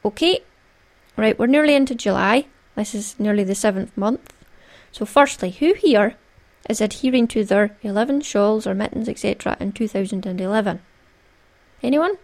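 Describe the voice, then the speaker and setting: Creaky-voiced Scottish woman chatting. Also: medium pitch, normal speed, darkish tone. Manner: playful, jokey, conversational. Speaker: podcast host. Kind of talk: chatty solo craft podcast.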